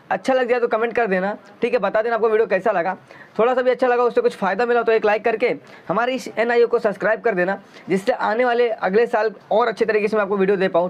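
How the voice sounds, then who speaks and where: Fast-talking high-voiced male tutor. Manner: chatty, coaxing, repeats questions to students. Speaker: teacher. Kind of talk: explaining a science lesson in Hindi. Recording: dull lo-fi sound.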